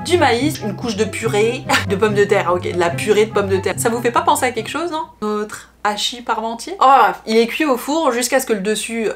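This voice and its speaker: A woman's voice: a little high, lively intonation, a little fast, hardly any pauses, faint music behind. A woman food vlogger narrating in a chatty, playful way and joking at her own expense. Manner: chatty and playful, jokes at herself. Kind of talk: casual food vlog narration.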